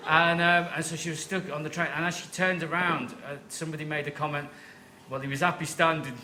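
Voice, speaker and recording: A man's voice: on the high side, level tone, fast talker, sharp tone, slight background noise, poor audio. A man, a comedian guest, telling a self-deprecating story on stage at a live comedy show. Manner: wry, self-deprecating anecdotes.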